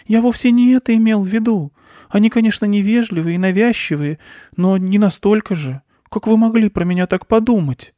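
A timid little male mouse, put on by a male storyteller, squeaks in a very high, anxious voice. He pleads and frets constantly. The sound is dry and close. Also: fairly quick, dark tone, no room sound, close to an everyday voice. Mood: flustered.

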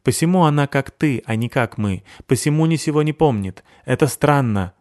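A man doing a shrill lisping woman warrior. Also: expressive, moderate pace, darkish tone, natural voice. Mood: earnest. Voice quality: lisps, swaps sounds. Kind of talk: audiobook character voicing.

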